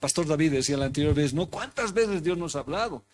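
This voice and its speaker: A man's voice: a little high, animated, fast talker, darkish tone, slight background noise. A man preaching a sermon in church who keeps asking his congregation questions and repeating his phrases. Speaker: pastor. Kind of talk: interactive sermon. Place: church hall.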